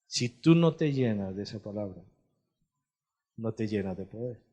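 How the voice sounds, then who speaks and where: A man preaching a sermon as pastor, moving from quiet, low passages to loud, high appeals and asking his listeners questions. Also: animated, moderate pace, highs cut off.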